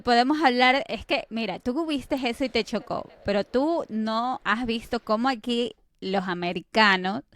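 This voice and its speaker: Co-hosting a podcast, a woman from Ecuador chats casually and conversationally, filling her speech with frequent fillers like "este" and "eh." Her voice sits on the high side with a fairly bright, clean tone, and the studio-quality recording has no room sound.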